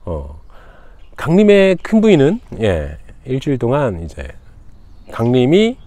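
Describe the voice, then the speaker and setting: A man from Jeju, a channel host, casually retelling a folktale outdoors in a relaxed, conversational way. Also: mid-range voice, measured pace, dry recording. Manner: relaxed, conversational, frequent fillers.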